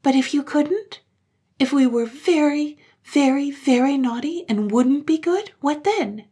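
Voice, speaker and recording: A woman's voice: unhurried, warm tone. A woman voicing two sobbing little girls. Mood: pleading. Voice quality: high, sobbing, pleading.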